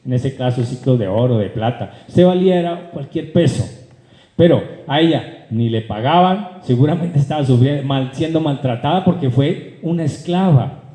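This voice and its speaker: A male pastor, preaching a lively sermon, calling out loudly and then dropping to low asides, and putting rhetorical questions to his congregation. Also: moderate pace. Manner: animated preaching, swings from loud high calls to low asides; addresses the congregation directly, asks rhetorical questions. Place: church hall. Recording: echoey church hall.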